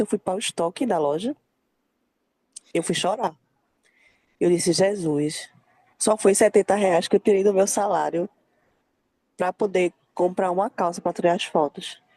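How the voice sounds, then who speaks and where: A woman's voice: medium pitch, no echo. A young woman sharing a faith testimony, acting out the voices of the people in her story. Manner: lively storytelling, acting out quoted dialogue. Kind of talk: emotional faith testimony in a group call.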